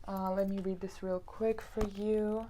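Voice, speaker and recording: A woman's voice: medium pitch, measured pace, a little hiss or hum. Chatty woman giving a tarot reading. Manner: chatty and heartfelt, many fillers like "like" and "you know"; reads card texts aloud in a calmer tone. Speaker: tarot card reader. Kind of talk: casual spoken tarot reading to viewers.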